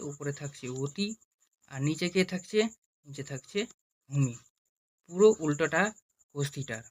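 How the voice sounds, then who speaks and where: A man teaching a math lesson, slowly repeating each step and asking questions he answers himself. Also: high-pitched. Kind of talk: classroom-style lesson.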